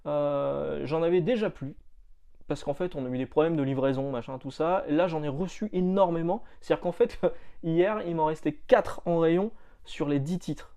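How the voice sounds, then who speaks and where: A man with a gravelly, mellow voice chats casually about comics and games. He rambles with plenty of fillers and restarts, like a shop owner talking to his regulars. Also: on the high side, normal speed. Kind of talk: casual chat.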